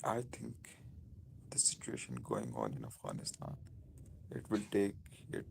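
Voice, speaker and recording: A man with a Pakistani accent speaking informally on a live stream, in halting, repetitive phrases. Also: a bass voice, big pitch swings, creaky, a little hiss or hum.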